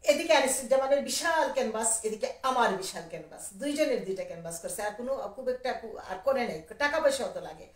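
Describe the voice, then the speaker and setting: A woman from Sylhet, a poet and writer, reminiscing in a rambling, animated way and quoting others in dialogue during a live video. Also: a little high, fairly quick. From Sylhet, Bangladesh. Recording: echoey room, voice a little far from the mic.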